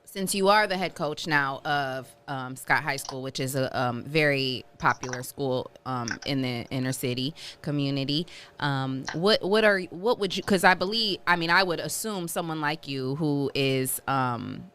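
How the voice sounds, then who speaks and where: A woman co-hosting a radio show, asking questions in a measured way with many pauses. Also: rumbling low, fairly bright tone, clean tone. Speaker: co-host. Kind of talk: radio interview talk.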